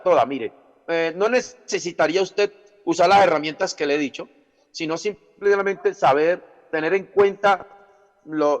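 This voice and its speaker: A man teaching a Bible class as pastor, explaining step by step with rhetorical questions and repeated phrases. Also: fairly high pitch. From Colombia. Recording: long hall reverb.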